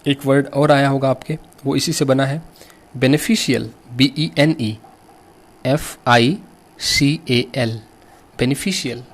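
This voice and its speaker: An English teacher with an Indian accent and a medium-pitched voice teaches vocabulary at a deliberately slow, unhurried pace. He spells every word letter by letter and keeps turning questions back to his students, staying patient and steady.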